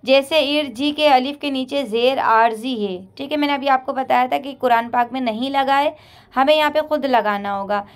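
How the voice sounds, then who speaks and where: A woman with a high voice teaches Quran reading in a patient step-by-step lesson. She explains each rule plainly, checks in often, and chants the example words slowly and drawn out.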